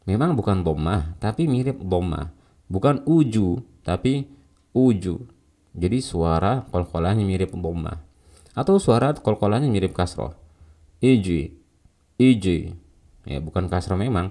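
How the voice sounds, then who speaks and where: A man's voice: fairly low pitch, a little mellow. A man teaching Quran recitation, patiently explaining letter sounds and repeating Arabic syllables for learners to copy. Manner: explains, then demonstrates correct and wrong sounds. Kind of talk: tajwid lesson with spoken pronunciation drills.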